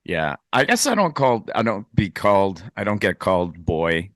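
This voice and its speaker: Bright-voiced, rambling man, close mic. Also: deep voice, sing-song, moderate pace, dry recording. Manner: rambling, hesitant, laughing often. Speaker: podcast host. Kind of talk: casual chat.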